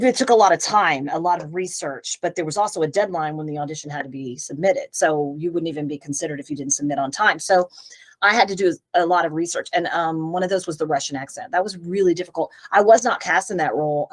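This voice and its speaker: A middle-aged woman from Tennessee chats openly with her interviewer, rambling from one thought to the next. Her voice sits a little low for a woman, relaxed and unhurried in a casual video-call interview. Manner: chatty, rambling, warm and open. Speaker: guest voice actress.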